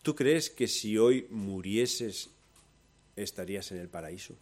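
A man with a Spanish accent from Spain preaching a sermon, moving between loud, lively storytelling and soft, low emphasis. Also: slow.

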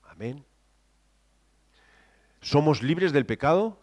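A man preaching a sermon, moving between quiet scripture reading and loud, emphatic exclamations. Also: on the high side, expressive, slow pace.

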